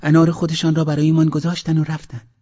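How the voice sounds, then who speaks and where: A man's voice: fairly high pitch, completely flat delivery, mellow, in a large hall, pitched above the performer's own voice, natural voice. A man voicing a poor, trusting village wife who speaks in an eager, hopeful way. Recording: dull lo-fi audiobook recording.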